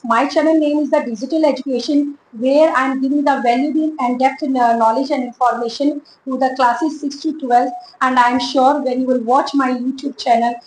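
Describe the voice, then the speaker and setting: A woman with an Indian English accent teaching an online history lesson, slowly dictating and repeating dates and names for students to note down. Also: sits high, fairly even intonation, darkish tone, roomy sound, slight background noise, low-quality recording.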